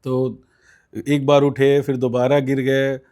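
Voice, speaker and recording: A student politician being interviewed tells a long, conversational story, leaning on fillers and acting out quoted voices. He speaks slowly in a mellow, monotone, medium-pitched voice.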